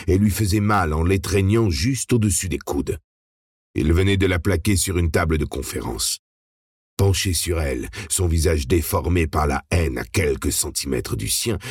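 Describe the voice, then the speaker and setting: A male audiobook narrator with an extremely deep, husky voice reads in a steady, dramatic way. The recording is dry and close-miked, with no room sound. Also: dry recording. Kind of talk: scripted narration.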